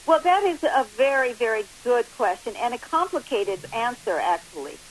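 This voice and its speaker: Older woman interviewed over the phone, high voice. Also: sing-song, normal speed. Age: late sixties. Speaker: interview guest, intuitive counselor. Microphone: telephone. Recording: hissy, noisy phone line.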